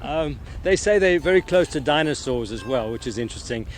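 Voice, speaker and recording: A man's voice: medium pitch, expressive, brisk. A man from South Africa who runs an ostrich ranch, easygoing and explanatory, often chuckling as he answers questions outdoors at the ranch. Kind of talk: casual interview answers. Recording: archive TV clip with loud music.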